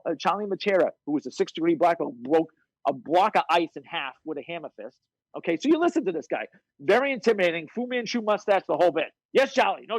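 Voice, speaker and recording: Man, fitness coach, podcast guest, husky, dry close sound, blunt and profane. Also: sits high, no echo, poor audio. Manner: blunt, profane, animated storyteller. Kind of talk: casual interview storytelling.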